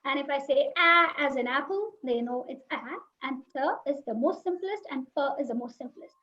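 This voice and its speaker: High-voiced woman teaching phonics. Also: lively intonation, normal speed, sharp tone. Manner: explanatory, demonstrates sounds aloud, asks the audience questions. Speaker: teacher trainer. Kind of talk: webinar lecture. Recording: dull lo-fi webinar audio.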